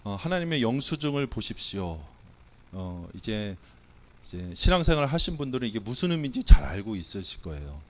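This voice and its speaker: A Korean pastor preaches a sermon in a church sanctuary, his voice weak from a cold and not coming out well. He speaks in a lowish voice with big pitch swings at a fairly quick pace, playfully quizzing the congregation and running a mock auction.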